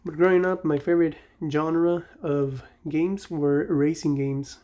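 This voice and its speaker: The recording is lo-fi, carrying a young man's slightly high, warm voice with a steady tone and measured pace. He has a Mexican accent and hosts a gaming channel, chatting nostalgically and rambling as he plays, frequently self-correcting mid-thought.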